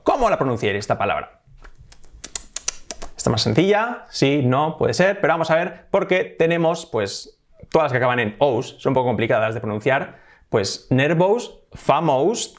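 A man with a Spain Spanish accent leads a casual pronunciation lesson, with a middle pitch that climbs and dips a lot. He drills words again and again, stretching them out for emphasis. His tone stays chatty, with short laughs in between. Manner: lively, repeats words with drawn-out emphasis, chuckles. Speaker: English pronunciation teacher.

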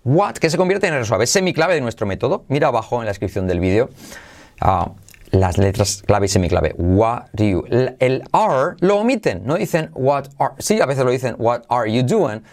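Energetic man drilling English phrases. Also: mid-range voice, moderate pace. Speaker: English teacher, channel host. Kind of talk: podcast lesson in Spanish.

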